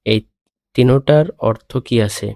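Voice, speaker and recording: A man with a Bangladeshi Bengali accent teaching a beginner language lesson, explaining slowly and checking in with "okay?" after each point. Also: medium pitch, darkish tone, no room sound. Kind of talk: screen-recorded lesson explanation.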